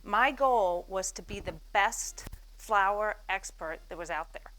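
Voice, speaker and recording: On an event stage before an audience, an American woman in her forties tells her business story into a microphone at a moderate, middle pitch and a slightly slow pace. She acts out the people she quotes with wide swings in pitch and loudness, and her self-mocking jokes keep the talk lively. The audio quality is poor.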